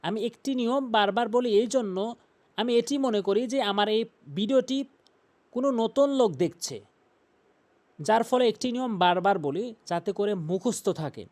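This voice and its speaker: A man teaching Quran recitation, patiently repeating pronunciation rules and chanting slow examples. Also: high-pitched, lively intonation, a little mellow. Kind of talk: recitation lesson.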